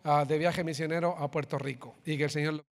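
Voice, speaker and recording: Speaking fast with a fairly high, fairly even voice, a man with a Chilean Spanish accent gives upbeat church announcements and guides the congregation in a group reading. As a pastor in a church sanctuary, he addresses the people directly. The audio has long hall reverb and a little hiss or hum.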